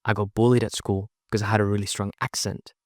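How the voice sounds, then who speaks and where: This young Chilean podcast guest, a networking event organizer, speaks with a Spanish-Australian mixed accent, Spanish being his first language. His voice sits on the low side as he talks quickly and emphatically, tagging statements with "right?" in energetic, casual interview talk. The studio quality recording has no echo.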